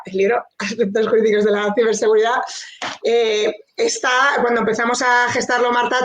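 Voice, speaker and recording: A woman lawyer from telling courtroom anecdotes in a brisk, animated panel talk. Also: on the high side. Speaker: lawyer and book co-author.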